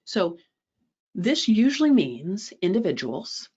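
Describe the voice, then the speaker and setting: A woman's voice: mid-range voice, sing-song, slow, a little mellow, breathy edge, lo-fi sound. A woman presenting a fundraising webinar, direct and emphatic, often checking in with a rhetorical "right?" and adding sarcastic asides.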